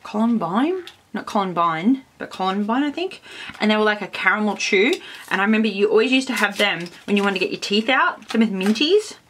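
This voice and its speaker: A woman's voice: mid-range voice, animated, a little fast, a bit bright, slight background noise. An Australian woman chatting enthusiastically in a casual food taste-test vlog, full of "like" fillers. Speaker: food vlogger. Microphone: camera on tripod.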